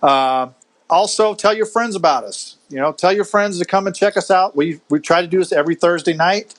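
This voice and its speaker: A man's voice: high-pitched, fairly quick, poor audio. A man hosting a casual podcast over a video call, easygoing and chatty, laughing often and restarting his sentences. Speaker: podcast host. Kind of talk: casual chat.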